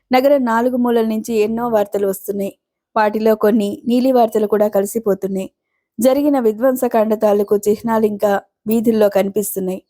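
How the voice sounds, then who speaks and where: A woman reads a novel aloud in a steady storytelling voice. Her tone is mellow and warm, never sharp, and her pitch sits in the middle range. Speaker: audiobook narrator.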